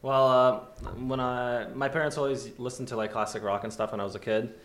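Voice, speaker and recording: A man's voice: mid-range voice, flat delivery, fairly quick, a bit bright. A man from Romania talking hesitantly and with little fuss, with a mid-range voice. The room sounds echoey. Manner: hesitant, understated. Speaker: band member. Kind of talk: casual chat.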